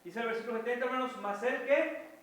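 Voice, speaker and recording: A man's voice: very high voice, fast, a bit bright. A man preaching a sermon with fervent delivery, often calling out to the congregation as brothers and sisters.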